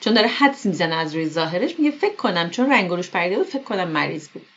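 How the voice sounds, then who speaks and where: A woman whose first language is Persian, teaching English vocabulary. She reads English examples slowly and then explains them quickly. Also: fairly low pitch, very animated, a bit bright. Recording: dull lo-fi recording.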